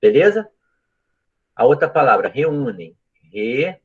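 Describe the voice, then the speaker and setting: With an animated, mid-range, husky voice at a moderate pace, a man leads a live online Portuguese grammar lesson, explaining each step and regularly checking that students understand. The sound is phone quality.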